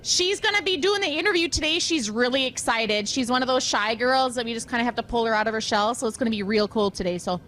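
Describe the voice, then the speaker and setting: A woman's voice: fairly high pitch, fast, few pauses, a bit bright. An American woman with a bubbly, informal manner, doing a casual interview as a reporter outdoors, breathing in cold air. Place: outdoors in the cold at a frozen lake. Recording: outdoor generator hum and noise. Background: generator running.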